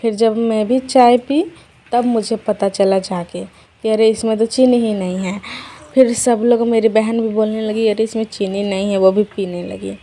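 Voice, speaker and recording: A woman's voice: mid-range voice, steady tone, normal speed, mellow, low-quality recording. A young woman telling her day in a chatty vlog voice-over, talking to viewers as friends. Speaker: vlogger. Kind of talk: casual vlog voice-over narration. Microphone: voice-over dubbed at home.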